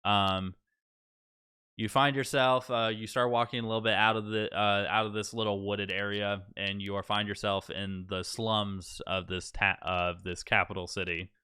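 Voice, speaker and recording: A man with a bright, clear voice runs a tabletop game as dungeon master. He narrates in a halting way, stopping and restarting his sentences often. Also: fairly low pitch, little pitch movement. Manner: halting, full of fillers and restarts.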